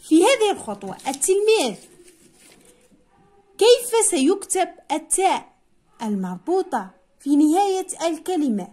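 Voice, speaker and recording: A woman teaching a primary spelling lesson. She dictates single words slowly, repeats each one, and asks her pupils questions that she answers herself. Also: extremely high pitch, very animated, mellow.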